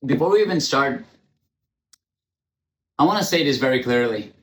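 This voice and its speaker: A mid-range voice with lively intonation and moderate pace belongs to a podcast host speaking English as a second language. Recording himself on camera in an echoey, faintly ambient room, he gives a frank, blunt monologue with stutters, restarts, many ums and occasional casual swearing.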